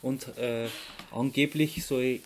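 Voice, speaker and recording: Slow and fairly even in intonation, this medium-pitched male podcast co-host has an Austro-Bavarian accent. He explains things in a relaxed, chatty way, correcting himself as he goes, with slight noise in the background.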